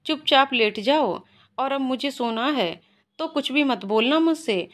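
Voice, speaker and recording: A sulky young wife answers her husband in short, huffy, pouting lines, voiced by a woman storyteller. She sounds bashful underneath the irritation. The voice sits fairly high. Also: a little slow, a bit bright.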